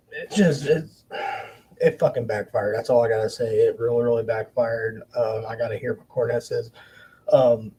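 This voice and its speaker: A man hosts a wrestling podcast, offering blunt, profane opinions in casual commentary and often halting to restart. His mid-range voice is mellow with a breathy edge, and the recording is rough.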